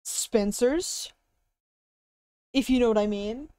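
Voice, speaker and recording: A young woman streams casually in a high, swooping voice, with a cute, bubbly anime-streamer manner. She takes her time over her words and reacts in an exaggerated way. The sound is close and dry. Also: takes it slowly, warm tone, clean tone, no echo. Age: young adult. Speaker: live streamer. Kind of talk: casual livestream chat, browsing and reacting. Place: indoor room at a streaming desk.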